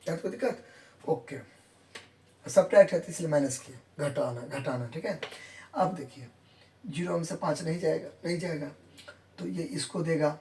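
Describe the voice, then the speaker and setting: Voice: mid-range voice, darkish tone, slight background noise. A maths teacher explaining a classroom lesson step by step. The teacher repeats each point and keeps checking that students follow, saying numbers in English. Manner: counts numbers out in English within Hindi talk. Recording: echoey room, voice from far off.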